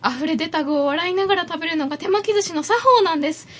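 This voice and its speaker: A woman's voice: very high-pitched, quick pace. A woman voicing an exasperated young woman at a sushi party, with blunt retorts, in a comic radio skit. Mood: indignant.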